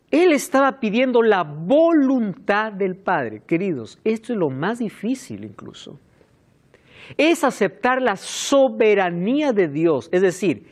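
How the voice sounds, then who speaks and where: Animated male preacher, very lively pitch. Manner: emphatic, animated preaching with asides to helpers. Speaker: pastor. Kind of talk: sermon.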